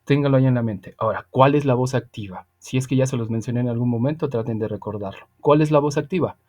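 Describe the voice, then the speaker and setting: Mellow-voiced man teaching an online class. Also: mid-range voice, quick pace. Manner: explanatory, checks in with frequent "ok?". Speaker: English teacher.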